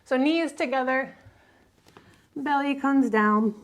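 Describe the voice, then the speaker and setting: A woman teaching a yoga class, giving calm step-by-step cues for breath and movement. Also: high voice, slow pace. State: slightly out of breath at times. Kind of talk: guided yoga class instruction.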